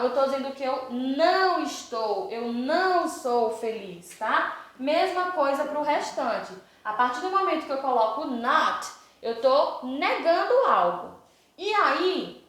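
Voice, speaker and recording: Brazilian teacher, high voice, echoey room. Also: female voice, fairly bright tone. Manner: explains step by step, asks the class questions. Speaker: English teacher. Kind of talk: recorded video lesson for children.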